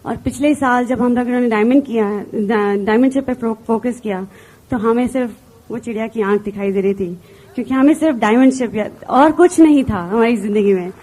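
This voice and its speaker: A woman's voice: on the high side, normal speed, dark tone. A woman from India giving an earnest motivational stage talk, telling personal stories and mixing in English words. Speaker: business seminar speaker.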